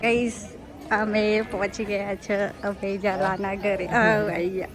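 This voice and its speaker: A woman's voice: mid-range voice, flat delivery, slow. A woman vlogger chatting to her viewers on a handheld phone, calling them guys as she goes about a busy home gathering. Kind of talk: casual vlog chat. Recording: phone vlog with crowd chatter.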